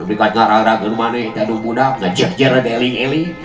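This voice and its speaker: A comic storyteller and show host with a Sundanese accent tells funny tales in rhymed patter, playful and chuckling as he talks. His medium-pitched voice is steady and fast. The amplified sound is echoey, with music behind him.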